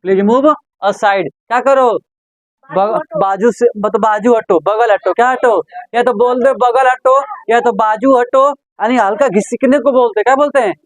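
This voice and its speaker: A man's voice: extremely high pitch, moderate pace, no room sound, rough recording. A man teaching an English class in a classroom, drilling phrases over and over and putting questions to his students. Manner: repetitive call-and-response drilling, asks the class questions. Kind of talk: classroom lesson.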